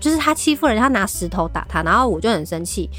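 A woman chats as co-host and tells stories with energy and laughter. Her voice sits at a middling pitch. Soft music plays quietly underneath. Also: fast talker. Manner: animated storytelling, often laughing. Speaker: podcast co-host. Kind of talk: casual chat.

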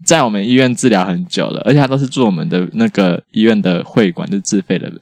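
A man with a Taiwanese Mandarin accent, a physical therapist co-hosting a podcast, telling animated work stories with a lot of laughter. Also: on the low side, quick pace, no echo. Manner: animated, mimics patients with raised voice, laughs often. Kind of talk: casual chat, storytelling.

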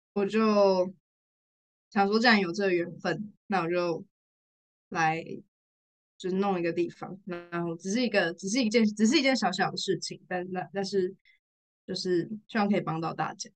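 A young woman from Taiwan with a Taiwanese Mandarin accent, telling a personal story in casual chat, repeating herself and laughing through tears. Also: mid-range voice. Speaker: podcast guest, rehearsal studio owner.

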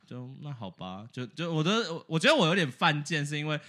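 Male co-host, casual story chat, very animated pitch, bright voice, laughs a lot, mixes in English. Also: fairly quick. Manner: animated, laughs often, slips English words into his talk. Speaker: podcast co-host.

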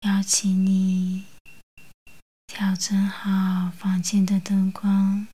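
A woman narrating a guided bedtime relaxation like a sleep story narrator, in a soothing, hushed, breathy near-whisper with long pauses. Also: medium pitch, completely flat delivery. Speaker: host of a bedtime relaxation show.

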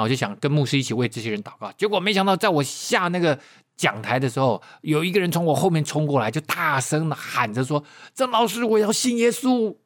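A man with a Taiwanese Mandarin accent, preaching a sermon by telling a story in an animated way, with many tag particles and restarts. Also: fairly high pitch.

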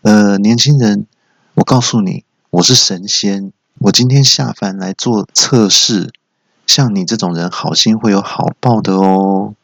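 A man voicing an old woman who claims to be a goddess, speaking in a slow, measured way. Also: fairly low pitch, creaky, no echo. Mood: serene. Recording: dull lo-fi recording.

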